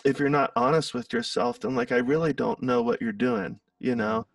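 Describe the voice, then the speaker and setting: A man's voice: medium pitch, moderate pace, vocal fry, dry recording, far from the mic. A man talking as a podcast guest, earnest and reflective in casual chat, swearing now and then.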